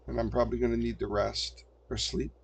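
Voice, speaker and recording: Speaking briskly in a level, mid-range voice with some vocal fry, an older man streams a game and mutters casual commentary to himself at his desk mic. A little hiss or hum sits under the recording.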